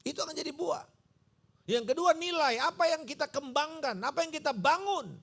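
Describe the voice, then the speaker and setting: A man's voice: extremely high pitch, normal speed. A male pastor preaching a sermon, telling stories and acting out the dialogue in them. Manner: animated storytelling, acting out dialogue. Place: church service.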